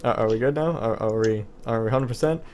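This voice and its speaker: A man's voice: medium pitch, quick pace, a little mellow, slight background noise. A man hosting a podcast in casual chat, with a dry, wry manner. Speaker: podcast host.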